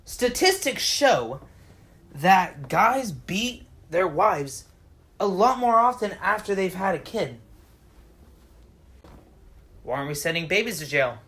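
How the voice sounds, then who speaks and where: A young man delivering a profane, deliberately dark comedic rant to camera, exaggerated and complaining. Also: sits high, big pitch swings. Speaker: vlogger.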